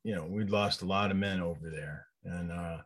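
A man in his sixties talking casually and reminiscing in a halting, folksy way. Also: sits low, steady tone, husky. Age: 60s.

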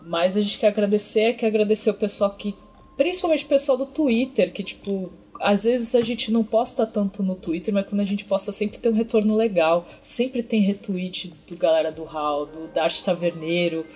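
A woman co-hosting a podcast, chatting casually and loosely, full of fillers. Her pitch sits in the middle range for a woman. Faint music plays underneath. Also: darkish tone. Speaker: podcast co-host. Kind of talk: casual chat.

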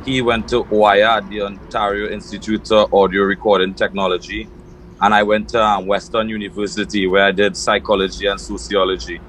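A man from Trinidad and Tobago, answering interview questions at home in a relaxed storytelling way. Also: fairly low pitch, a little fast, slight background noise, poor audio. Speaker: guest, music label founder.

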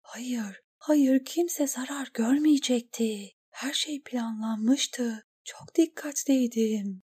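A woman voicing a young princess's frightened inner thoughts in a hushed, whispered tone. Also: fairly high pitch, takes it slowly, breathy edge, voice pushed up. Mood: despairing. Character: young princess, panicked and guilt-stricken.

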